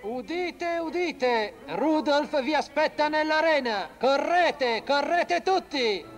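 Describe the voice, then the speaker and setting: An actor voicing a reindeer town crier in a vintage cartoon dub, calling out announcements in drawn-out cries. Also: male voice, very high voice, animated, full character voice. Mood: proclaiming. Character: reindeer town crier loudly summoning everyone.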